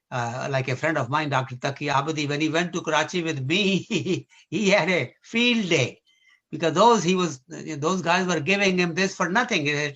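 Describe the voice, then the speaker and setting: A man with a Pakistani accent leading a discussion, explaining in an agreeable, halting way. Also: fairly high pitch, bright, forceful tone. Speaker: discussion leader.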